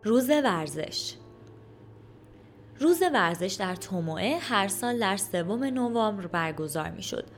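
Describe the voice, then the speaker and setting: Woman, audiobook narration, calm even storytelling, mid-pitched voice. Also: faint music behind. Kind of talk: scripted narration.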